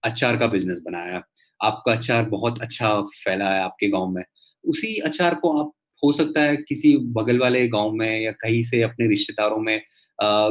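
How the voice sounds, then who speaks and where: A man talking casually as a guest entrepreneur on a video call, with many fillers and restarts. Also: lowish voice.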